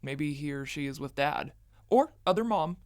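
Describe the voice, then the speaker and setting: A woman's voice: deep voice, animated, normal speed, a little mellow, dry recording, studio quality. Woman doing a campy, teasing young guy. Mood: musing, playful. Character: playful, flamboyant young male friend, loud and teasing. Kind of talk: acted storybook dialogue.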